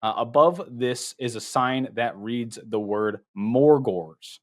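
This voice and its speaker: A man narrating as game master of a tabletop game, describing scenes with frequent pauses. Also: medium pitch.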